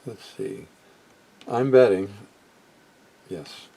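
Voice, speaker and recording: The speaker is a middle-aged or older vintage electronics hobbyist whose voice is on the low side and extremely slow. He gives an unscripted, hands-on equipment demonstration, hesitantly musing and often breaking off partway through a thought. The home recording carries background noise.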